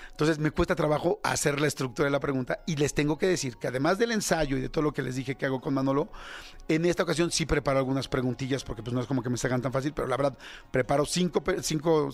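A radio host in his fifties with a Mexican accent, talking candidly to listeners in a casual reflective monologue, full of fillers and self-deprecating asides. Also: a little high. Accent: Mexican Spanish. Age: 50s.

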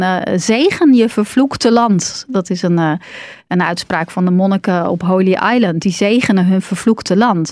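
A woman's voice: medium pitch, darkish tone, no echo. Woman, reflective talk, hesitant with fillers, dry close sound. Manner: hesitant, many fillers, thoughtful. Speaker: grief guest. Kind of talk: reflective conversation.

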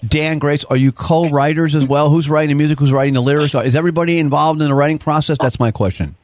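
A man's voice: on the high side, steady tone, quick pace, a little mellow, dry recording. A man hosting a radio interview, enthusiastic and upbeat. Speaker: radio host.

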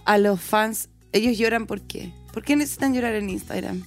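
Teasing Chilean woman with quick jokes. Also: medium pitch, soft background music. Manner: joking, teasing, quick retorts. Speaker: podcast co-host. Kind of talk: casual chat.

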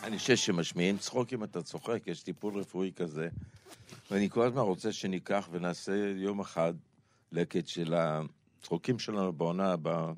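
A man guesting in a radio studio, telling rambling, animated stories about his comedy work. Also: sits low, soft background music. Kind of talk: talk show conversation.

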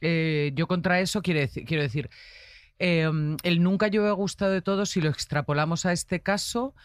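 A woman's voice: on the low side, moderate pace, dry recording, studio quality. A woman, a guest telling stories with assurance and playful energy. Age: 40s. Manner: assured storyteller, animated and playful. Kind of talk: casual chat.

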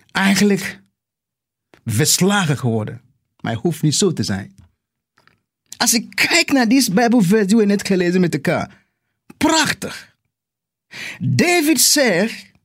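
A man preaching a sermon, emphatic and deliberate, repeating key phrases for weight and pausing for effect. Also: sits high, darkish tone, dry recording, studio quality. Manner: slow and deliberate with dramatic pauses.

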